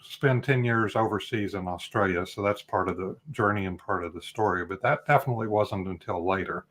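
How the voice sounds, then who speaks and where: A middle-aged man talks as a guest in a casual interview. His voice sits fairly low, and he speaks in an earnest, reflective way with plenty of fillers. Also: a little fast, fairly bright tone. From Texas. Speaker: guest, life coach.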